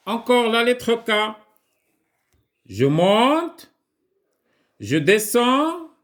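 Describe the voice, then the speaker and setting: A man with a Moroccan accent teaching a writing lesson to young children, slowly repeating words for them to echo. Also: sits high, fairly bright tone.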